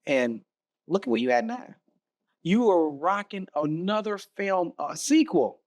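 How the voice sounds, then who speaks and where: Male podcast host, slightly high pitch, casual, encouraging, slang-heavy. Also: very animated, unhurried, vocal fry, a little mellow. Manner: encouraging, slangy, hypes up his guest.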